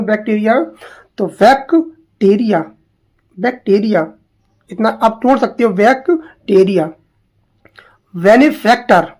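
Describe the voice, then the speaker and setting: A woman teaching English spellings to exam students, repeating each word slowly and asking questions as she goes. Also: fairly high pitch, a little mellow. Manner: slow, drilling, repeats words and asks questions.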